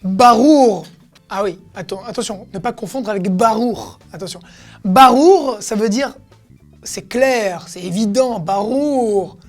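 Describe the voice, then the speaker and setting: A woman's voice: medium pitch, takes it slowly, soft background music. A woman teaching everyday expressions in a casual lesson, explaining each word and acting out how it is said. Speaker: Hebrew teacher.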